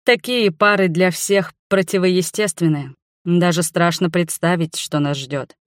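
An audiobook reader narrating a fantasy romance novel in steady first-person storytelling. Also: medium pitch, measured pace, no room sound, clean studio sound.

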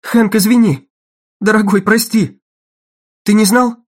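A man's voice: fairly high pitch, brisk, pitched above the performer's own voice, close to an everyday voice. A man voicing an anxious, strong-willed woman executive in an audiobook, urgent and raised.

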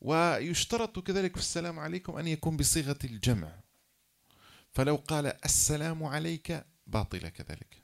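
Male lecturer, slightly high voice, explains rules step by step, acts out examples. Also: animated, a little fast, gravelly. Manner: explains rules point by point, repeating key phrases; acts out example phrases, then drops low to rule them invalid. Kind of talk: classroom lecture.

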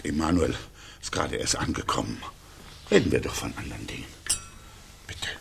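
An actor playing an exasperated, sardonic husband in a radio play, with dry sarcasm that turns to pleading. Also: male voice, a bass voice, expressive, brisk, creaky, a little hiss or hum, full character voice. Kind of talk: 1990 radio play acting.

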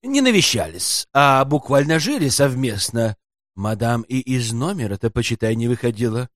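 A man voicing a sly, greedy hotel porter who talks in a folksy, servile, hushed way in an audiobook. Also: medium pitch, animated, normal speed, dry recording, clean studio sound, close to an everyday voice. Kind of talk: audiobook character voice.

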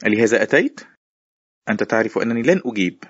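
A man's voice: on the low side, expressive, very fast, slightly rough, dry recording, voice pushed up. A man voicing a nervous, stubborn German informant in an audiobook, evasive and defensive, in a slightly muffled recording with faint music. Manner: defensive, evasive, rising to indignant. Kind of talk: audiobook character voice.

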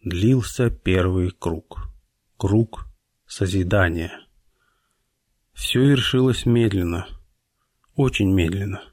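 A man reading a science fiction audiobook in a measured, unhurried narration. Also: deep voice, a little mellow, no room sound, clean studio sound. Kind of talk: scripted narration.

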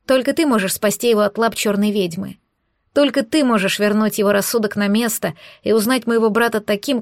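A woman voicing a gentle, persuasive female demon in an audiobook, speaking softly and reassuringly. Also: fairly high pitch, no room sound, studio quality, close to an everyday voice. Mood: earnest. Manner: soft, coaxing, reassuring.

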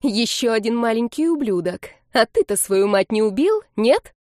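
A woman acting out a drunk old grandmother, half-mad with grief, who screams venomous curses in an audiobook scene. The voice is dark and mellow and sits close to the mic in a dry, dead room. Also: on the high side, animated, normal speed, dry recording, natural voice. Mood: screaming hatred. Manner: shrieking curses, hateful.

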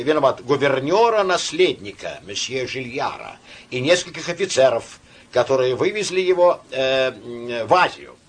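A man voicing a boastful young officer who talks eagerly and pauses with fillers. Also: on the high side, pitched above the performer's own voice. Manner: eager, self-important, hesitating with fillers.

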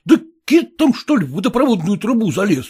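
A man reading a story aloud, voicing a flustered middle-aged gentleman, a husband with a blustering, bewildered manner. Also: high voice, sing-song, a little fast, breathy edge, voice pushed down, exaggerated voice. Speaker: character in a read story.

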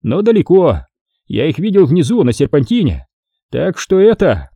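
A man's voice: on the high side, huge pitch swings, moderate pace, breathy edge, no echo, pitched above the performer's own voice, heavily acted. A man doing a brash young soldier under fire. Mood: urgent. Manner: shouted, brash quips.

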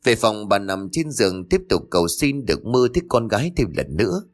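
A man's voice: lowish voice, big pitch swings, a little fast. A man narrating a scripted horror story in a dramatic, suspenseful way.

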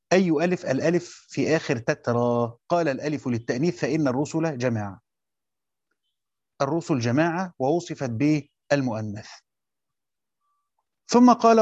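A man with an Egyptian Arabic accent teaching a classroom lesson, quizzing his students and repeating his points slowly. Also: on the high side, darkish tone, no room sound, highs cut off. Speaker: teacher of Quran commentary.

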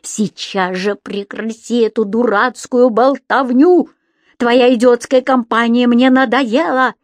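A woman voicing a pompous, irritable male senior schoolteacher who scolds and shouts in a storybook reading. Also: mid-range voice, flat delivery, unhurried, no room sound, close to an everyday voice. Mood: furious. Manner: stern, shouting, indignant.

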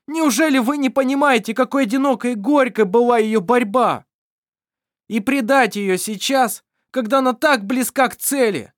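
A reader doing a desperate young man shouting. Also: no echo, studio quality, natural voice. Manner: high, loud, pleading.

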